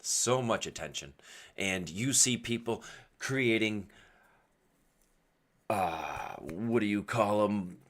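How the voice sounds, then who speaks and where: Hosting an opinionated solo podcast in a casual, emphatic way, a man asks himself rhetorical questions while his yelling-worn voice strains and partly fails. He speaks slowly and expressively at a fairly low pitch, leaving long pauses.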